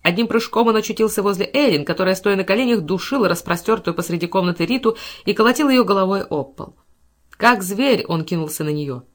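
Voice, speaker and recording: A woman narrating a classic novel audiobook with a dramatic, expressive reading. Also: medium pitch, brisk.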